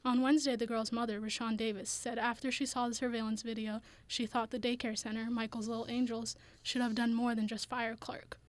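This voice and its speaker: A woman's voice: fairly high pitch, little pitch movement, brisk, few pauses, low-quality recording. A woman narrating a scripted television news report as the reporter.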